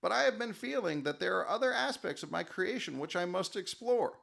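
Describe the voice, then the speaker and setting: Man putting on a high, singsong servile butler android, beeps between lines, humble and eager to please. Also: expressive, fairly quick, vocal fry, fairly bright tone, exaggerated voice. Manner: says "beep boop" between lines.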